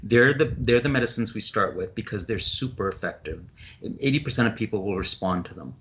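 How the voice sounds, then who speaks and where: A male physician giving a webinar talk over a video call, explaining briskly with frequent ums and restarts. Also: fairly low pitch, expressive, fairly bright tone, slight background noise. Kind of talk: webinar presentation.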